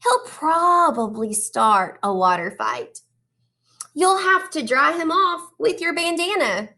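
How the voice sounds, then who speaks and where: Female storybook reader for young children: high-pitched, unhurried, expressive teacher delivery. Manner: addresses children directly with questions and praise. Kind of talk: children's storybook read-aloud.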